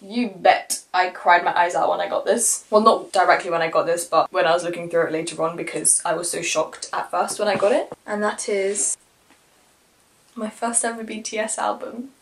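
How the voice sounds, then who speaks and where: A teenage girl chatting excitedly through a casual haul vlog, gushing over her presents. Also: lowish voice, moderate pace, vocal fry. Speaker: vlogger.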